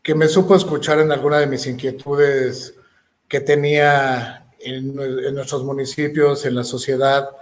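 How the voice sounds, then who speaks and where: A man with a Mexican accent, a political candidate answering interview questions earnestly, pausing with fillers and restarts. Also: mid-range voice, roomy sound.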